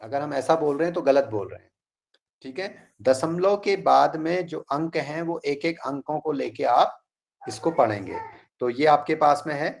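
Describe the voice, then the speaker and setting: A man teaching an online math class in a slow, deliberate way, reading out numbers digit by digit. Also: on the high side, gravelly.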